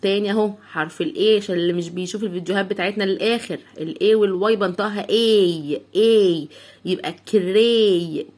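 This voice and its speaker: A woman with an Egyptian Arabic accent, teaching an English phonics lesson for young children. She sounds out words slowly, letter by letter, and asks the listener to repeat after her. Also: medium pitch.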